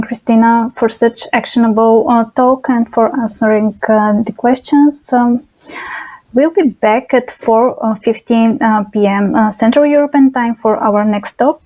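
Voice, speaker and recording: A woman's voice: on the high side, steady tone, a little slow, warm tone, low-quality recording. A woman hosting an online conference, reading formal introductions of the speakers. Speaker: conference host. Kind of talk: event moderation.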